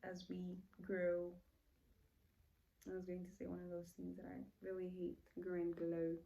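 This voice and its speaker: This woman, a Zambian vlogger in her late twenties, speaks in a fairly low, monotone, creaky and mellow voice at normal speed, and the audio is poor. Indoors, she rambles through a casual get-to-know-me vlog with many fillers and self-corrections, remarking that she feels hot in the room.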